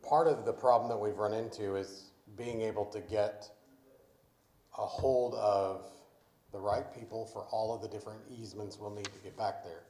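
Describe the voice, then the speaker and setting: Man speaking loudly in an echoey meeting room. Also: fairly low pitch, fairly even intonation, normal speed. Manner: speaks loudly over background noise, explanatory. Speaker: city official at committee meeting. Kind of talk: public meeting discussion.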